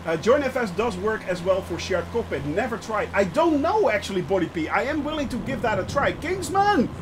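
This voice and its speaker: Hosting a flight simulator livestream, a man chats casually with viewers, greeting them by name and thinking aloud with frequent hesitations and restarts as he explains. His voice is high with big pitch swings, a little fast, with background noise behind it.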